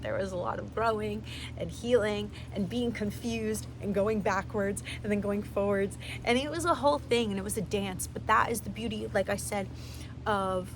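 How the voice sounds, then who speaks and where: A woman's voice: mid-range voice, noisy background. A woman in her twenties hosting her own podcast, giving a rambling, earnest motivational talk full of "like" and "you know". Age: 20s. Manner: earnest, rambling, heavy use of "like". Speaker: podcast host. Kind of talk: casual motivational monologue.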